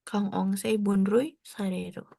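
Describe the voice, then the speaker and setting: A woman tutor giving an explanatory lesson, stepping through technical terms and glossing each one, with frequent soft tag questions. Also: mid-range voice, steady tone, slow, gravelly, no echo, studio quality. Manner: explains step by step, drops in foreign technical terms and glosses them. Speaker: exam prep tutor.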